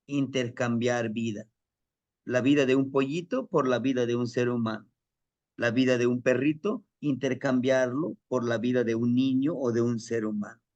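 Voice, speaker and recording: A man's voice: medium pitch, no room sound, lo-fi sound. A man, a spiritual teacher telling a parable to his circle, with frequent restarts. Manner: slow, animated, with frequent restarts. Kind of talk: storytelling lesson.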